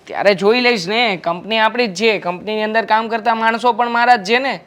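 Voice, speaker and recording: A man's voice: sits high, steady tone, fairly quick, fairly bright tone. An actor playing a carefree young husband who brushes off his wife's complaints in a short drama film. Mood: defensive. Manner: defensive, coaxing. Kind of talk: Gujarati short film acting.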